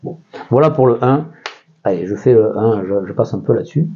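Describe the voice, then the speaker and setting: A man's voice: lowish voice, expressive, a little fast, warm tone, dull audio. A man with a French accent teaching a math lesson in a casual way, thinking aloud with many fillers and often checking that his listeners follow.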